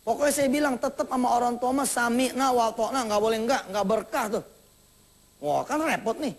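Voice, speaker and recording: A man with a Jakarta accent preaches to a live audience in a high, bright voice. He is animated and playful and acts out small exchanges between family members as he talks. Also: normal speed. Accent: Jakarta Indonesian. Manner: animated, acts out little dialogues, jokes with the congregation. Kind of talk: sermon.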